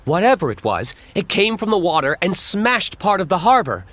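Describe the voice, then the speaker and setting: An audiobook narrator voicing a brisk, pushy woman TV reporter hungry for a scoop. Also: mid-range voice, sing-song, pitched above the performer's own voice. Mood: eager brisk. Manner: brisk, announcer-like. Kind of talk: audiobook character voice.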